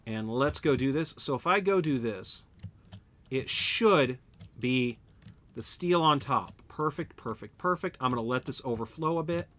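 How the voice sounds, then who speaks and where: This man's mid-range, slightly bright voice is animated but a little slow. Playing a factory-building game on a live stream, he rambles and chats with his viewers as he builds.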